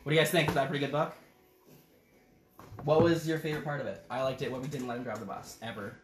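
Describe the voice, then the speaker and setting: A man's voice: medium pitch, steady tone, fast, roomy sound. A man hosting a children's storytime as a drag queen, chatting casually and playfully with viewers. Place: living room at home, indoors.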